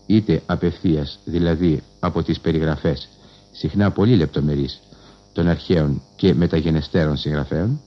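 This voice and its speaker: A man delivering a formal scholarly radio lecture in a measured, precise manner with old-fashioned learned phrasing, heard on an old 1960s radio broadcast. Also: deep voice, highs cut off.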